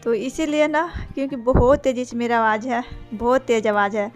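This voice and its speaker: A woman's voice: a little high, steady tone, brisk, soft background music. A young woman from India narrating her daily routine vlog as a voice-over in a chatty, rambling way, stringing thoughts together with "because" and "na". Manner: chatty, rambling, repeats "kyunki" and "na"; speaks as a voice-over, not to camera. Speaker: vlogger.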